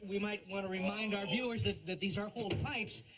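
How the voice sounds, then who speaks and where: A man's voice: sits high, a little fast, lightly acted. A man acting a cautious, hesitant, earnest American tool show sidekick in a sitcom. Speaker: TV show co-host. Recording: noisy TV sitcom soundtrack.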